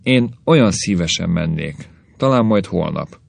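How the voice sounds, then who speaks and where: A man's voice: deep voice, expressive, vocal fry, no echo, full character voice. A man voicing a trembling, frightened Lázár. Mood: fearful pleading. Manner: trembling, pleading, halting. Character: frail, frightened man risen from death.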